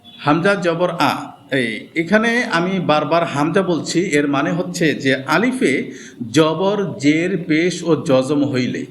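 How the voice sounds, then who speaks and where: A man teaching Quran reading, going slowly through each point and sounding out the letters one by one. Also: fairly high pitch. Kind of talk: slow step-by-step lesson.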